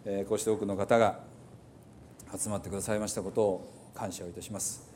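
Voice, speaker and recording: A pastor leading a slow, reverent spoken prayer in a soft voice. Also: male voice, fairly low pitch, level tone, slight background noise.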